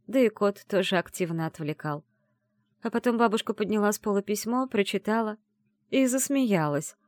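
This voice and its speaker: A woman reading a first-person story aloud as an audiobook, telling it in an emotional, expressive way. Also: medium pitch, no room sound, clean studio sound. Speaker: audiobook reader. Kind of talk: scripted first-person narration.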